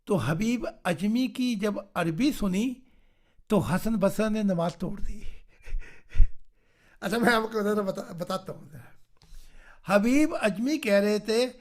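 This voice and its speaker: Animated male preacher telling a story. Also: high voice, long pauses. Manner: animated, keeps checking listeners understand. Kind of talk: storytelling sermon. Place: online meeting. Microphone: video call.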